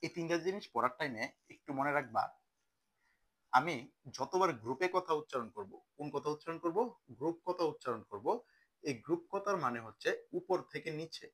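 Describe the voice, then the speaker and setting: Here a young man teaches chemistry casually, often raising a question only to answer it himself in a conversational manner. His voice is on the high side and a bit bright.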